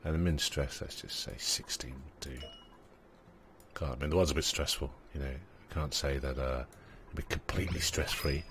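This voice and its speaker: Very deep-voiced man narrating gameplay. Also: fairly even intonation, moderate pace, fairly bright tone, slight background noise. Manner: thinking aloud, rambling, many fillers, talks to his game characters. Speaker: gaming channel host. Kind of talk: let's play commentary.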